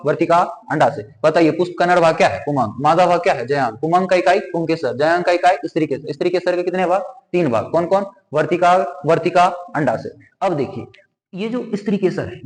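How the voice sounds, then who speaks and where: Man teaching biology in a reverberant room. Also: a little high. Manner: asks questions and answers them himself, repeating terms. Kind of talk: classroom lesson with drawing. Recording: echoey room with long reverb.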